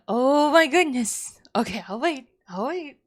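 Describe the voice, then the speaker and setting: Speaking slowly in a high-pitched voice with lively intonation, the livestreamer chats with viewers in a bubbly, exclamatory way, readily apologizing. Music plays behind her.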